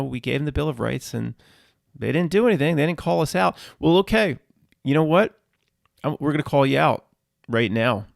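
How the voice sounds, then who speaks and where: A man with a gravelly, creaky voice, recorded close and dry, rants defiantly at unseen powers. He swears freely and stumbles over restarts and repeated words as he pushes his point. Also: mid-range voice, dry recording. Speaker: channel host. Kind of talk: ranting spiritual monologue.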